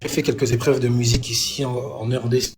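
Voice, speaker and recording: A man's voice: mid-range voice, level tone, background noise. Hesitant man talking on a live call. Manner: hesitant, many pauses and fillers. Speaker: singer and stream guest. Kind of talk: casual conversation.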